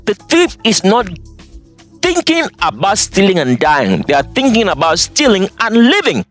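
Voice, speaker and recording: A speaker with an African accent delivering an insistent preaching monologue, stressing words hard and dropping to low asides. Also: wildly swooping pitch, normal speed, faint music behind. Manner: emphatic, insistent, swings between loud and low. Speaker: channel host. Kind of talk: preaching monologue over slides.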